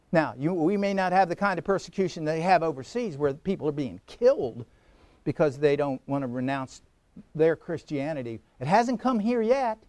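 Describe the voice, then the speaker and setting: A male pastor preaching a sermon in church, emphatic, repeating key phrases and slowing down to stress them. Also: high voice, a little mellow, no room sound. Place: church sanctuary.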